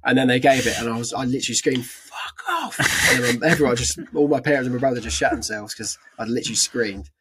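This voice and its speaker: A young man co-hosting a casual football podcast, an animated, excitable storyteller. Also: medium pitch, very fast, few pauses, very noisy. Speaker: podcast co-host. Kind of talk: casual chat.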